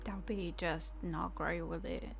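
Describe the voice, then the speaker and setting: Young woman gamer, creaky voice. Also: fairly low pitch, steady tone, measured pace. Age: young adult. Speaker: gaming streamer. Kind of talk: casual let's-play commentary. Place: indoor room at home. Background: faint game music.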